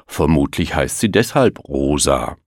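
A man voicing a kindly old grandfather elephant who murmurs slowly and softly. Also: a bass voice, lively intonation, dry recording, clean studio sound, voice pushed down, exaggerated voice. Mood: gentle. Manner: slow, murmuring.

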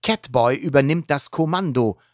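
A woman reading a children's storybook aloud in an unhurried, expressive way. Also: very deep voice, dry recording, clean studio sound.

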